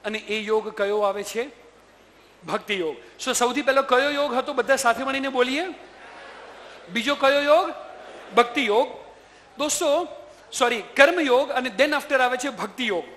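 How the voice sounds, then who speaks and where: A motivational trainer with a very high male voice speaks to a room of students in a bright, forceful tone, repeatedly pushing them to answer yes or no. He moves at a moderate pace with long pauses, and the hall adds a long reverb plus faint hiss or hum.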